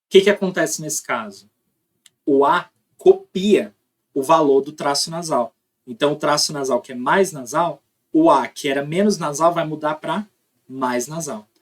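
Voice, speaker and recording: A man with a Brazilian Portuguese accent delivers a recorded linguistics lesson. He explains patiently, pauses to pronounce sample words aloud, and keeps checking that the listener is following. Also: a little high. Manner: explanatory, demonstrates sounds aloud, frequent tag questions. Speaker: linguistics teacher.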